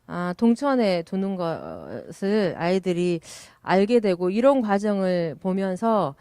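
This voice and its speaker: A middle-aged woman from South Korea giving a reflective speech at a community event as an education researcher, with many pauses and fillers. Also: on the low side, sing-song, warm tone, clear, resonant tone, no room sound, clean studio sound.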